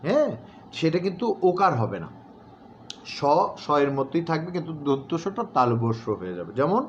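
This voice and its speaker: Instructor drilling words slowly. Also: male voice, fairly high pitch, very animated. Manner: repeats example words slowly and deliberately, with many filler sounds. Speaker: recitation and newsreading instructor. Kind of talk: pronunciation lesson. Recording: dull, slightly noisy home recording.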